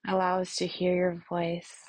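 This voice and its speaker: A woman instructor leads a guided meditation and prayer, speaking softly and soothingly with long, unhurried pauses. Her voice is fairly low and monotone, and the recording is dry.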